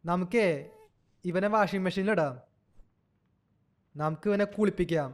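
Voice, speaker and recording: A man's voice: high-pitched, unhurried. A young man giving playful game commentary, teasing and cooing at an in-game baby as if it were a child. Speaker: gaming channel host.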